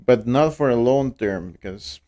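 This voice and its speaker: A young Costa Rican man who speaks Spanish natively, hosting a live trading stream in halting English, with many repeated words and restarts. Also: mid-range voice, expressive, warm tone. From Costa Rica. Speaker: livestream trading host. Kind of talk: casual live-stream chat.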